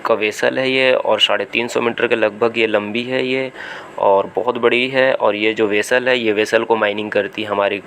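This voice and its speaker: A man's voice: on the low side, steady tone, moderate pace, vocal fry, a bit bright, a little hiss or hum. A man with an Indian Hindi accent giving casual commentary over phone footage from a small vessel at sea, thinking aloud with restarts and fillers. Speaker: seafarer vlogger. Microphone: phone camera.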